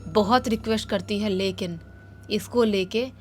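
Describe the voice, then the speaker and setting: A woman's voice: medium pitch, unhurried, faint music behind. A woman narrating a horror story in a casual way and acting out the dialogue of the people in it.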